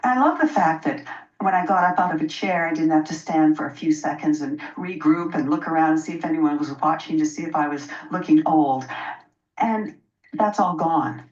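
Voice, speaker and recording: A woman's voice: deep voice, moderate pace, darkish tone. A woman in her sixties speaking as a radio interview guest, explaining in a personal, conversational way and stressing points through repetition. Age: 60s. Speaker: interview guest, health practitioner. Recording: dull, roomy, distant microphone sound.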